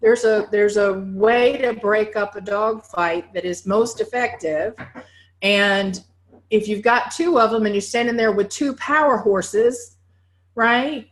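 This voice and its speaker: A woman's voice: medium pitch, slow pace. A woman dog behavior trainer with a Southern US accent giving a conversational training talk to foster volunteers, often checking in with "right?". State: getting winded.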